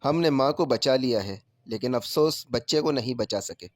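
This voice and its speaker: Give me a gentle, calm woman doctor, voiced by a male narrator. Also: medium pitch, no echo, close to an everyday voice. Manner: gentle, professional. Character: calm female hospital doctor.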